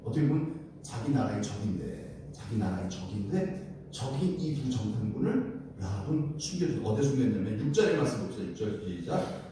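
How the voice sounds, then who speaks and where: A man preaching a sermon as pastor at a midweek prayer service, animated, asking the congregation questions and acting out the scenes he describes. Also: medium pitch, heavy reverb, distant mic, background noise.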